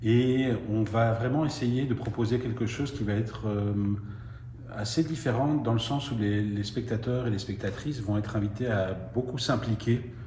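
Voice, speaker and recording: A man's voice: medium pitch, moderate pace, dark tone, roomy sound, slight background noise. A man, a theatre artist in residence, explaining his project in an interview, carefully and with many fillers. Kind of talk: interview testimonial.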